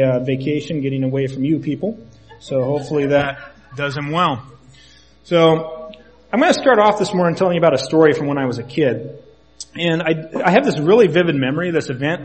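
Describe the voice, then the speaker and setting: A man's voice: fairly high pitch, poor audio. A man who is a church elder, preaching a conversational sermon full of storytelling and jokes.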